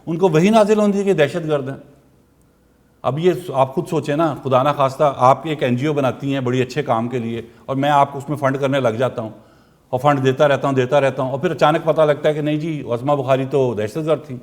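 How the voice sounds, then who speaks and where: A man, delivering a political commentary monologue, firing pointed rhetorical questions. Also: mid-range voice.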